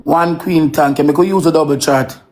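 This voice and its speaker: A woman's voice: low-pitched, fairly even intonation, moderate pace, darkish tone. A Jamaican woman in her thirties hosting a live stream, coaxing her chat with repeated call-outs in patois. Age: 30s.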